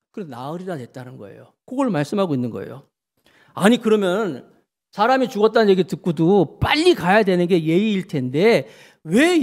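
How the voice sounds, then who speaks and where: Pastor guy preaching, fairly high voice that swoops up and down, keeps quizzing the congregation. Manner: animated, asks the congregation questions; acts out people's words in quotes. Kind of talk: sermon.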